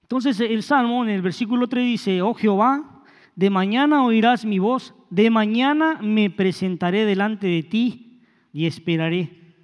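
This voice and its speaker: A man's voice: sits high, unhurried. A man preaching a sermon in a conversational way, with hesitant restarts and rhetorical questions. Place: church hall. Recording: long hall reverb.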